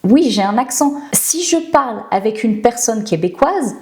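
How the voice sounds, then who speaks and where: A middle-aged Frenchwoman with a French accent explains her language to the camera, musing aloud by posing rhetorical questions to herself. Her voice is fairly high and lively, at a moderate pace.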